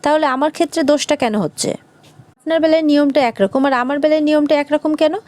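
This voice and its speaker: A woman plays a defiant young housemaid in a serial retelling, sharp-tongued and indignant, firing back retort after retort in a raised, higher voice. The sound is dry and close, with no room around it. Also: no echo, close to an everyday voice. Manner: indignant, rapid-fire retorts.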